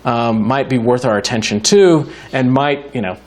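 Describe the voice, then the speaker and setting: A man's voice: mid-range voice, normal speed. A man giving a university lecture to a live audience in a hall, wry and joking, thinking aloud with frequent restarts. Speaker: guest lecturer in philosophy.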